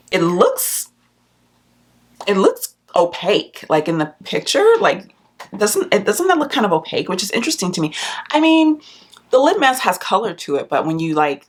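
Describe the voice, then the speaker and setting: In a loose, casual chat, a female beauty vlogger covers new makeup releases, rambling with fillers and restarts and raising her pitch sharply to stress a point.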